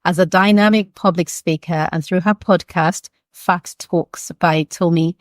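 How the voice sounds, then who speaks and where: A woman hosting a podcast interview who asks questions warmly and affirms her guest's answers. Her voice is fairly low, and the sound is dry and close-miked. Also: fairly even intonation, measured pace, dry recording. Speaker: podcast host. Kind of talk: interview host, reading an introduction then chatting.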